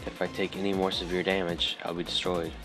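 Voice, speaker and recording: Deep, flat-voiced man reading game text. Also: fast. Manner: dry, offhand, stumbling over lines. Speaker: let's play host. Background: game music.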